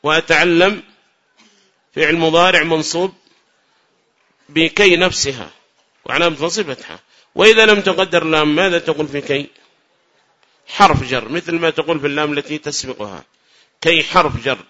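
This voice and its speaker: A man's voice: a little high, moderate pace, pauses often, bright, forceful tone. A man teaching a grammar lesson to students, explaining patiently, repeating points and quizzing them. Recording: muffled lo-fi recording.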